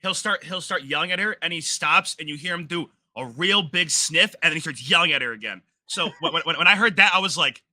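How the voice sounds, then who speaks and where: Guy on a panel retelling stuff, high pitched really sharp voice, dry mic. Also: fairly quick, hardly any pauses, no room sound. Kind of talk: casual storytelling commentary.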